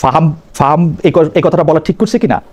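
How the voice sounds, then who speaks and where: A man's voice: on the high side, fast talker, darkish tone. A man hosting a live political talk show, pressing his guest with repeated questions and mixing English phrases into his speech.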